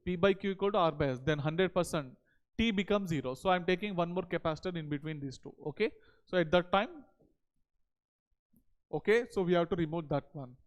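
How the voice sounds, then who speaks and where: A man's voice: high voice, brisk. A man in his thirties with an Indian accent, lecturing at a board as a teacher and often checking in with short questions and tag words. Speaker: physics teacher. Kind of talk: board lecture to exam students. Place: indoor teaching studio at a digital board. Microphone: headset.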